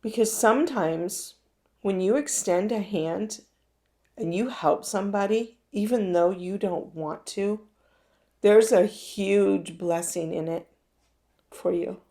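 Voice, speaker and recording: A woman's voice: mid-range voice, slow, dark tone. A woman telling a personal story in a casual, conversational way, speaking straight to her listeners. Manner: conversational, addresses listeners directly. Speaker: self-help speaker.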